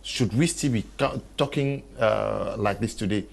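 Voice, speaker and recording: A man's voice: on the low side, unhurried, gravelly. A man hosting a panel debate, probing and interjecting with pointed questions. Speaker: talk show host.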